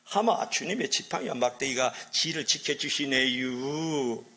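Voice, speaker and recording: A man voicing a psalm recital in a Chungcheong dialect, in a slow, humble drawl. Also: mid-range voice, sharp tone.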